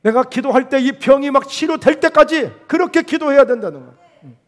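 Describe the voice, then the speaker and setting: High-voiced pastor preaching with swings. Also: male voice, a little fast. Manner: animated preaching, rhetorical questions, swings between loud and hushed. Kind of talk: sermon.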